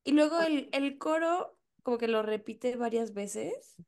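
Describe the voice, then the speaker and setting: A woman with a Mexican accent co-hosting a podcast, talking in an animated, slangy, emphatic way. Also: sits high, measured pace. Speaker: podcast co-host. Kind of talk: casual chat.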